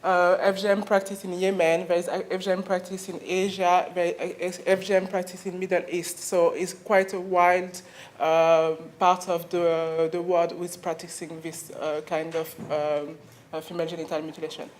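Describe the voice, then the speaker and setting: A woman from Mali with a French accent gives an earnest conference presentation, pausing often as she searches for her words. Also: fairly low pitch, flat delivery. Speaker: conference speaker. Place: university conference room.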